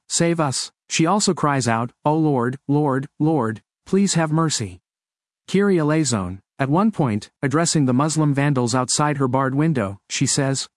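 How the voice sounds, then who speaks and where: A man giving a steady, measured scripted narration of a news report. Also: medium pitch, no room sound, clean studio sound.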